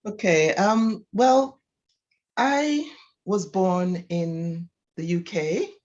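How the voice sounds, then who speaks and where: Speaking extremely slowly, a physiotherapist with a Jamaican accent responds to an interviewer, describing her work and herself. The mid-range voice is a little mellow, captured on lo-fi audio.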